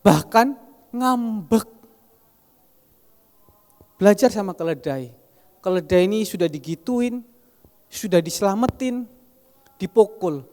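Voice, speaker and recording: A man preaching a sermon, telling stories in an animated way and often addressing the congregation directly. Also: sits high, slow, long pauses. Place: large church hall. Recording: reverberant church hall.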